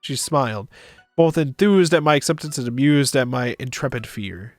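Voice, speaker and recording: This man voices a visual novel for a stream, mixing in casual asides. He talks at a normal speed with a medium pitch, and the clip carries no room sound, only background music.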